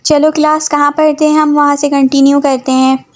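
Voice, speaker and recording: A woman's voice: sits high, little pitch movement, brisk, natural voice. A woman playing a sarcastic stern male teacher.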